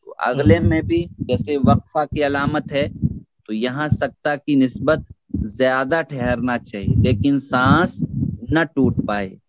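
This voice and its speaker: A man teaching a Quran recitation lesson, repeating key phrases slowly and chanting Arabic verses as examples. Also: medium pitch. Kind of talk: Urdu tajweed lesson.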